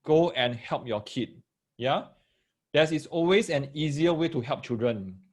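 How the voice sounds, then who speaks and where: This man's fairly high, animated voice moves a little slowly. Teaching maths to parents and kids in a live online session, he speaks with a Singaporean accent and Singlish particles, breaking things down step by step, repeating himself and making sure listeners follow.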